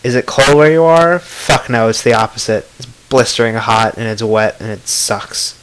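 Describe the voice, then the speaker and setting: A man's voice: medium pitch, moderate pace, clean tone, low-quality recording. Offhand, blunt man from Florida. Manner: offhand, blunt, swears freely. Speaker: vlogger. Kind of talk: casual chat answering tag questions to camera.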